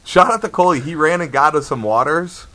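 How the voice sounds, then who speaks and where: A man's voice: on the high side, fairly quick, sharp tone, rough recording. A man co-hosting a podcast remotely from home, telling band stories in a casual chat and laughing often as he imitates people. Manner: laughing storyteller, mimics people he quotes. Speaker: podcast co-host and band guitarist.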